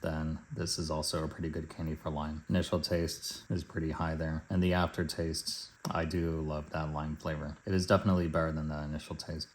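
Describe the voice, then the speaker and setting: Male food reviewer, low-pitched voice, casual and matter-of-fact, talking through a taste test in measured phrases. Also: darkish tone, rough recording.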